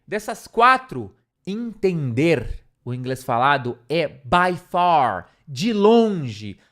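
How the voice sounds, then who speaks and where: A man's voice: fairly high pitch, fairly bright tone. Emphatic man teaching English. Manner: emphatic, repeats key points, asks "tá?" to check in. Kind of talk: online language lesson.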